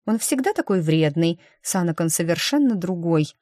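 A woman reads a first-person audiobook with a low, deep voice. Her storytelling is even and lightly ironic. The sound is dry and close, with no room echo. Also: normal speed. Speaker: audiobook narrator.

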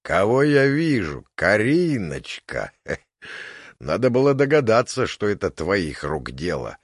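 A coarse giant thug in a spoken storybook, jeering in a resonant bass with big swings of pitch. A man acts him out in a dry, close sound. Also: big pitch swings, a little slow, slightly rough, no echo, exaggerated voice. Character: crude mocking giant twin thug.

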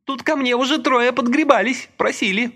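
A man's voice: extremely high pitch, normal speed, sharp tone, voice pushed up, heavily acted. A man voicing a brash, mocking working woman. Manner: brash, sardonic, blunt.

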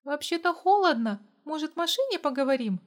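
A woman voicing a sweet but sharp-tempered young woman in an audiobook, with a coaxing, snappish manner. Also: sits high, expressive, brisk, voice pushed up.

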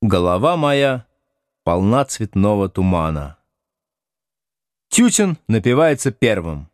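A man narrating a novel as an expressive audiobook reading. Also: lowish voice, slow pace, no room sound, studio quality. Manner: lively, acts out the dialogue. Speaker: audiobook reader.

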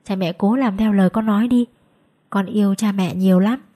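Woman reading son's spirit, tender, earnest, husky, ghost story. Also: medium pitch, steady tone, fairly quick, dark tone, natural voice. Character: spirit of a devoted young son.

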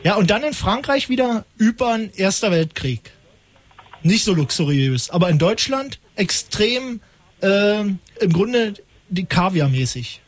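A man's voice: high-pitched, sing-song, unhurried, no echo. A man hosting a call-in radio show, talking in an ironic, rambling, mock-pompous way. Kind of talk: late-night call-in radio banter.

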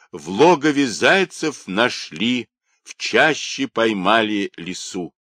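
Low voiced guy reading a storybook, very dry close sound. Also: a bit bright, no room sound. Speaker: audiobook narrator. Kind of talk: scripted storybook narration.

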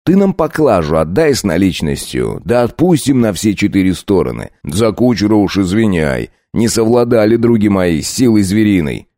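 A man playing a mocking, brutal werewolf bandit leader who talks slowly and sneers. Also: fairly low pitch, sing-song, dark tone, no echo, clean studio sound. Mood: sneering. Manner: slow, sneering, gloating.

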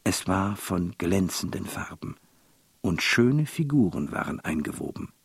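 A man reads an old fairy tale slowly and expressively, his low voice gravelly and husky. His pitch rises and falls widely. The recording is dry and close. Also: no room sound. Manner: slow, expressive storytelling. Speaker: reader. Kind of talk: literary reading of a fairy tale.

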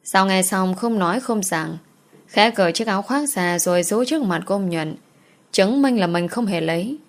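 A woman reading an audio novel in a steady voice. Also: medium pitch, moderate pace. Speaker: narrator.

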